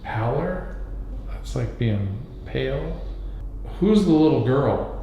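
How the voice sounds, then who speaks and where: A man's voice: mid-range voice, expressive, slow, dark tone, a little hiss or hum. Man probing questions in an echoey hospital. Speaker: paranormal investigator. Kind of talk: questioning a spirit aloud. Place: abandoned hospital floor, indoors. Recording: roomy, dull-sounding hall recording.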